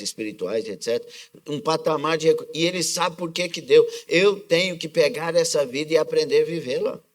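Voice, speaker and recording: A man with a Brazilian accent preaching a sermon as pastor, often asking the congregation questions and calling for their responses. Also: on the high side. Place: church service.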